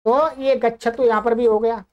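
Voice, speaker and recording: A woman with a somewhat high voice teaching a grammar lesson. She poses questions to her listeners and answers them herself. She slows right down when she recites each example. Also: steady tone, highs cut off. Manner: slow, drawn-out recitation of Sanskrit examples. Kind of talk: explanatory lesson.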